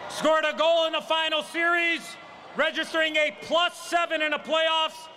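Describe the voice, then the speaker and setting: A man working as master of ceremonies at an outdoor championship rally, booming out introductions and drawing out each name he builds up to. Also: little pitch movement, moderate pace. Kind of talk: rally announcing, drawn-out player introductions. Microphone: public address microphone. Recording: loud outdoor PA with crowd noise. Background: cheering crowd.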